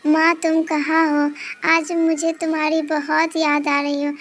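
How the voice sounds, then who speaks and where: A woman's voice: sits high, completely flat delivery, a little slow, a bit bright, slight background noise. A woman voicing a sad mistreated girl. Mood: sad pleading. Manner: pleading, tearful.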